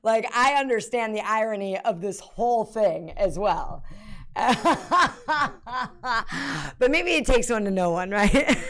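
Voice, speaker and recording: A woman's voice: medium pitch, lively intonation, moderate pace, hardly any pauses. A woman streamer chatting casually, with an unusual voice that startles people, rambling with lots of fillers and giggles. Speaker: livestreamer reacting to videos. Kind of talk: casual chat.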